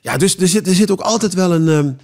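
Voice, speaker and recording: A man who performs cabaret, telling rambling, animated anecdotes with many restarts in a casual podcast interview. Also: high-pitched, quick pace.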